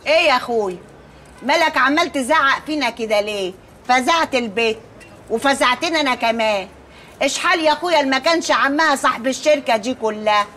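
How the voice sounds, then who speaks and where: An actress playing a boisterous, folksy middle-aged aunt in an Egyptian TV comedy, speaking Egyptian Arabic with theatrical rhyming quips. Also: female voice, high voice, lively intonation, quick pace, pushed and bright, a little hiss or hum. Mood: indignant. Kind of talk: TV comedy series acting.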